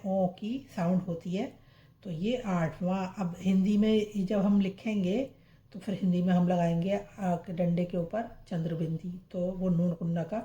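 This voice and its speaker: Patient female reading teacher, spells and repeats slowly, soft dark tone, roomy sound. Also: mid-range voice, muffled recording. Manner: spells out letters slowly and repeats each word. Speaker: Urdu and Hindi reading teacher. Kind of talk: step-by-step reading lesson.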